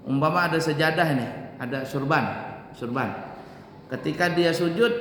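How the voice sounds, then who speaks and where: A man giving a religious lesson on prayer, slowly demonstrating recitations and explaining them in quick asides. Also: on the high side, a bit bright, a little hiss or hum. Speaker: religious teacher. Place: large hall at an Islamic boarding school. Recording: echoey hall with long reverb, faint ambience.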